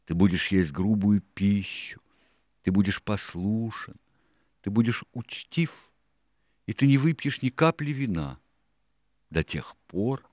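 A man voicing a cunning, domineering older pirate cook in an audiobook, lecturing loudly and scornfully. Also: sits low, no room sound, studio quality, heavily acted. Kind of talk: audiobook character reading.

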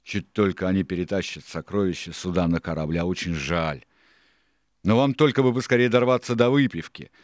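A man voicing a cunning, domineering older pirate cook in an audiobook, lecturing loudly and scornfully. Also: low voice, brisk, dry recording, studio quality, close to an everyday voice. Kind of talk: audiobook character reading.

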